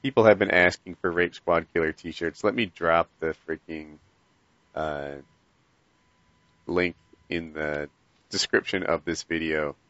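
Male livestream host, casual and chatty, lower voice, dry muffled sound. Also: steady tone, unhurried, long pauses, sharp tone, dry recording. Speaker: host of a live prank-call stream. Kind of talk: casual chat. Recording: muffled, dull low-fidelity stream audio.

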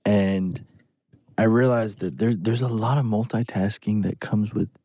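A man's voice: on the low side, steady tone, unhurried, dark tone, no echo. A man in his early twenties chatting casually on a podcast, rambling with lots of "like". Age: 20s. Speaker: podcast co-host. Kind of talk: casual chat.

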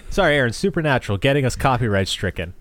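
Animated, joking man on a podcast. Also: fairly quick, dry recording. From New England. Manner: swearing, joking, swings in pitch. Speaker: podcast host. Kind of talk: casual chat.

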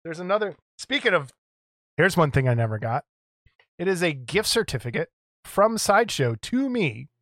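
A man's voice: on the high side, sing-song, normal speed, fairly bright tone, dry recording, clean studio sound. A middle-aged man co-hosting a casual show-and-tell about model kits, rambling and chuckling as he goes. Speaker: co-host of a model kit show.

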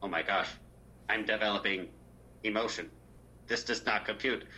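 A man's voice: on the low side, steady tone, normal speed, pushed and bright, a little hiss or hum. A man voicing a male robot sidekick that glitches and breaks into error loops. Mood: glitching. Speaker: podcast co-host. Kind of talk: comic robot impression.

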